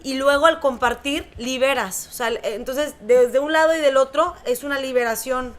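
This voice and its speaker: A Mexican woman hosting a podcast, telling a personal story in an animated, casual way with many fillers. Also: sits high, moderate pace. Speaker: podcast host. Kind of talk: casual chat.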